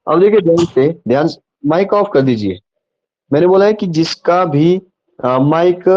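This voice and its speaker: A man's voice: fairly high pitch, dull audio. A man teaching a live online class, repeating points and asking the students if they follow. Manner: patient, repeats and checks understanding. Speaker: online tutor.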